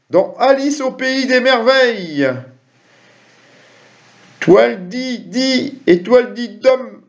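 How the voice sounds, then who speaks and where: Slow and high-pitched, a middle-aged man reads quiz questions to the camera, adding chatty, joking asides for viewers. He records in a small room at home on a webcam or desk computer microphone, producing dull lo-fi sound.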